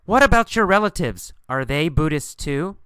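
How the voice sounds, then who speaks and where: A man's voice: on the high side, lively intonation, normal speed, bright, forceful tone, clear, resonant tone, no echo. A man voicing a pushy adult male street preacher in a story, asking insistent questions.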